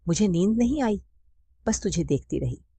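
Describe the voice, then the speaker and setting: A woman's voice: medium pitch, lively intonation, moderate pace, creaky, mellow, slightly rough, dry recording, voice pushed up. A woman voicing a doting middle-aged mother, raised lilting voice. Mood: tender. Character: affectionate middle-aged mother, teasing and indulgent. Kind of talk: scripted story narration.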